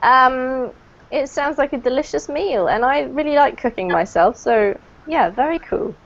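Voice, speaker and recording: A woman from the UK who lives in New Zealand keeps her casual online English class friendly, laughing often and talking over students. Her voice sits high, expressive and a little slow. The audio is dull, with a little hiss or hum.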